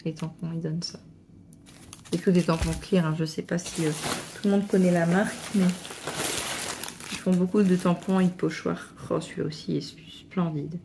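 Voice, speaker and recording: Excited, gravelly-voiced woman unboxing crafts. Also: on the low side, normal speed, background noise. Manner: excited, gushing, stumbling restarts. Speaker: crafting vlogger. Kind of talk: casual unboxing chat.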